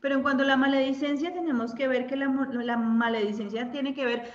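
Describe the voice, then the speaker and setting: A woman's voice: high-pitched, steady tone, a little fast. A woman with a Colombian accent leading a women's Bible study, speaking conversationally and often checking in with her listeners. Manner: conversational, ends points with tag questions. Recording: echoey room, dull lo-fi sound.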